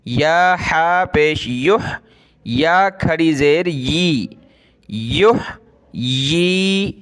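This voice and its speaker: A man teaches Quran recitation, spelling each word out letter by letter and vowel by vowel before chanting it slowly. His voice is on the high side, expressive and a bit bright.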